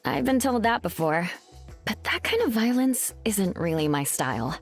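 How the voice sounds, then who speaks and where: A woman's voice: mid-range voice, big pitch swings, normal speed. A woman voicing a confident, caring superhero mother in a video game, composed and wry. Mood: firm, composed. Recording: music behind.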